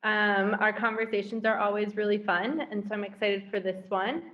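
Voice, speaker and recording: A woman's voice: medium pitch, fairly even intonation, normal speed, muffled recording. A woman from the United States, chatty and upbeat, laughing easily as a guest in a casual video-call interview.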